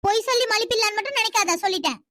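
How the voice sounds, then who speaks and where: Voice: very high-pitched, very fast, pushed and bright, no room sound, clean studio sound. A performer voicing a bossy older mother in a cartoon who nags and repeats her instructions over and over. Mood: scolding. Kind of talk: cartoon voice acting.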